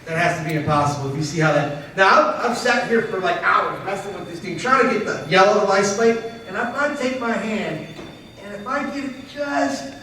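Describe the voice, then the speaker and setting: Man, paranormal investigator on a con panel, emphatic, higher register, distant recording with faint hiss and heavy room echo. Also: moderate pace, sharp tone. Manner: emphatic, keeps checking in with "okay?". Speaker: paranormal investigator presenting evidence. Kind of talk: convention panel talk. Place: convention panel hall.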